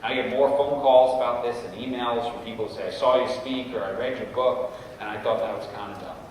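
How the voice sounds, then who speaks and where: This middle-aged man addresses a parents' session as a guest speaker, his medium-pitched, somewhat dark voice steady and a little fast. He tells stories and keeps asking "right?" to check in with the audience. Picked up by a distant mic, the recording is noisy and echoes around the auditorium.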